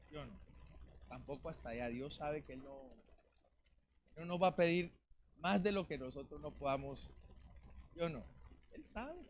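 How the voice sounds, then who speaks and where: A man preaching a lively sermon as pastor in a church, calling out questions to the congregation. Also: on the high side, a little hiss or hum. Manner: calls out to the congregation, rhetorical questions. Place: church in Valencia, Spain. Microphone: live-streamed service mic.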